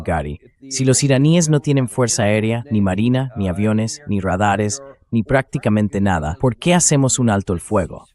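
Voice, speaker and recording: A man with a medium-pitched, somewhat dark voice hosts a political commentary show, heard through a dubbed translation read by a synthetic voice. He frequently asks incredulous rhetorical questions.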